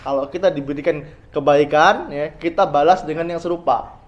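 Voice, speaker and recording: A man with a fairly high voice gives a conversational religious lecture. He talks straight to his listeners and asks them questions, swinging between loud stressed points and quiet asides. The recording sounds dull and lo-fi. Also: steady tone, normal speed. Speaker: Islamic preacher.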